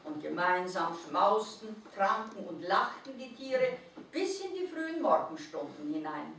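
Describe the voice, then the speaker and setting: A woman reading a Christmas story aloud at an Advent reading, in an expressive storytelling manner. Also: lowish voice, a little slow, a little hiss or hum. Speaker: reader. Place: reading event room. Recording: echoey room from far off.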